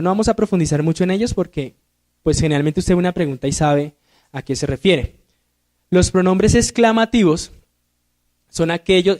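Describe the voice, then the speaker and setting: In a church classroom, a male deacon with a high, darkish voice leads a Sunday school grammar lesson. He asks the class questions only to answer them himself, and his emphasis builds as he reads verses aloud.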